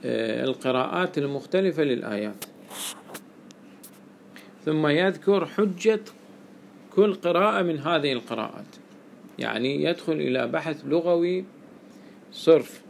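A man gives a classroom lesson. His voice is gravelly and sits a little high, and he works through each point slowly, checking in with his students through questions. Faint background noise runs under the recording. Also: lively intonation. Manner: explains step by step, quizzing students with questions. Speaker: teacher of Quranic exegesis.

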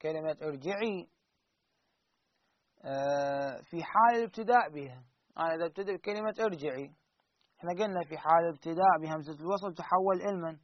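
A man teaching Quran recitation rules, asking his students questions and answering them himself, drawing out the example words slowly. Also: on the high side, dry recording. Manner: drawn-out slow recited examples. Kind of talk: teaching lesson. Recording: dull lo-fi recording.

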